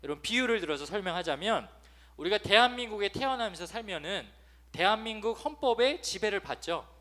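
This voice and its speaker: Youngish guy preaching to teens, high bright voice that jumps all over, acts out nagging parents. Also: brisk. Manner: animated, mimics nagging parents with sudden loud outbursts. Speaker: preacher to a youth congregation. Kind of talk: lively sermon with acted-out quotes.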